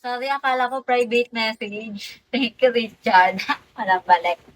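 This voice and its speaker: A young woman hosting a livestream, hoarse, teasing her viewers and quickly laughing off her own remarks with apologies. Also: on the high side, heavy background noise. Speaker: livestream host. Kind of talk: casual livestream chat with viewers.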